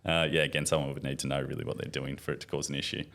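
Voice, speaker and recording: A man's voice: extremely low pitch, level tone, racing, gravelly, fairly bright tone. A man with an Australian accent, a podcast guest who talks laid-back, explaining with fillers. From Melbourne area, Australia. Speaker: podcast guest, battery salesperson. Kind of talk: casual chat.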